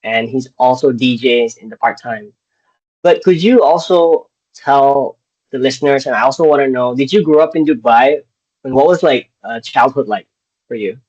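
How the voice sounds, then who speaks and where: Male podcast host from Indonesia, mid-pitched voice, hesitant with fillers, dull lo-fi video call audio. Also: moderate pace, darkish tone, slightly rough. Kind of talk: casual interview.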